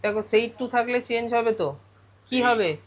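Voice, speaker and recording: A man's voice: very high voice, normal speed. A male teacher going through a grammar lesson step by step, often putting questions to his students. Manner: explains step by step, asks the class questions.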